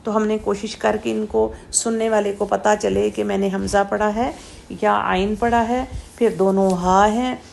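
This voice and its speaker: A woman teaching Quranic letter pronunciation, explaining slowly and demonstrating throat sounds with repeated drawn-out syllables. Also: mid-range voice, fairly even intonation, creaky, a little mellow, a little hiss or hum. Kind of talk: slow step-by-step pronunciation lesson.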